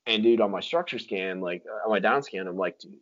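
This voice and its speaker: Low-voiced man telling slangy stories. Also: brisk, a bit bright. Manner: slangy, peppers talk with dude, like and freaking. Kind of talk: casual chat, storytelling. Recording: dull lo-fi sound.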